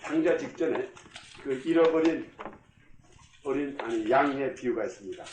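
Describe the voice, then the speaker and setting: A man's voice: medium pitch, expressive, normal speed, noisy background. A man pastor giving a Bible study lecture, emphatic, repeating key phrases and putting questions to the class. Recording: echoey room.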